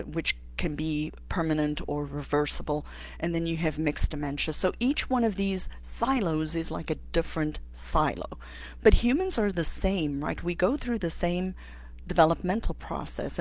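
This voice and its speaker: A middle-aged woman from Africa, an occupational therapist hosting a live stream and answering viewer questions, thinking aloud with many pauses and restarts. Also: low-pitched. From South Africa. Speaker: host.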